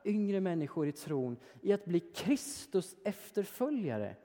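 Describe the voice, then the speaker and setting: A man delivers a sermon in an earnest, exhorting way, stacking his points with repeated phrases. His voice sits high for a man yet sounds mellow and soft-edged. It carries with the long reverb of a church hall. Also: big pitch swings. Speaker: preacher.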